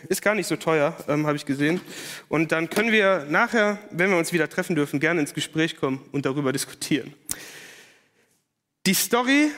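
A man giving a casual, lively youth sermon and using slang. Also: fairly high pitch. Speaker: youth pastor. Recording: long hall reverb.

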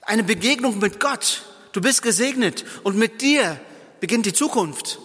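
A man preaching a sermon, retelling Bible stories in lively, everyday words. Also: high voice, a little slow, big-room sound. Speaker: pastor.

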